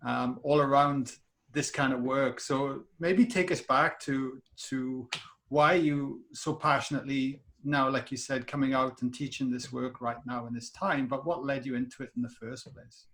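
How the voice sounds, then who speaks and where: A man's voice: mid-range voice, fairly even intonation, moderate pace, a bit bright. A man hosting a podcast, enthusiastic and casual, often repeating words as he starts his sentences. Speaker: podcast host. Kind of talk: podcast interview.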